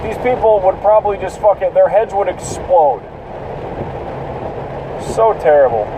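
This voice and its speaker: Expressive and unhurried, the host's high-pitched voice carries a casual solo rant from his car in heavy rain, aimed with curses at other drivers. The mic is distant, and rain and road noise crowd the recording.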